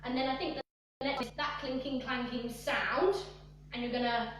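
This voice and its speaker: A woman's voice: sits high, fairly even intonation, moderate pace, fairly bright tone, distant mic, a little hiss or hum. A young woman leading a live online dance workshop, talking through the moves and counting and singing along to the music. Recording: echoey room, voice away from the mic.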